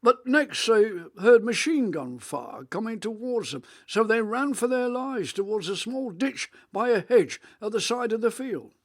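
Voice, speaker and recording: A man, playing a rambling, reminiscing elderly grandfather on a video call in a radio monologue; his voice is rich and melodious, with halting restarts. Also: sits high, very animated, full character voice. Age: 80s.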